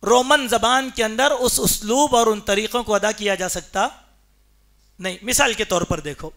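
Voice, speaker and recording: A preacher delivers a Friday sermon in a mosque, speaking emphatically and quizzing the congregation with rhetorical questions. His voice sits high with a fairly bright tone.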